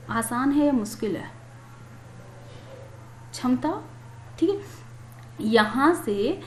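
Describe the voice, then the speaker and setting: A woman's voice: sits high, a little mellow. A woman teaching a chemistry lesson in a conversational way, asking questions and answering them herself. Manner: conversational, asks and answers her own questions. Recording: echoey room with faint noise.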